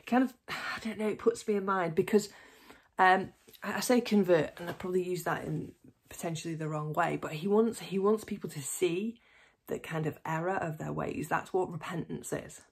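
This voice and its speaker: A woman's voice: lowish voice, moderate pace, breathy edge. A woman reading scripture aloud for a church, then reflecting on it in a hesitant, searching way. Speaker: church reader and preacher.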